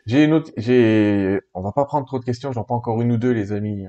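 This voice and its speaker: A man hosts an interview, reading viewer questions aloud in a friendly, lightly teasing manner. His voice sits at an ordinary middle pitch for a man, and between questions he answers his guest with short replies. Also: a little fast, warm tone, highs cut off. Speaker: interview host.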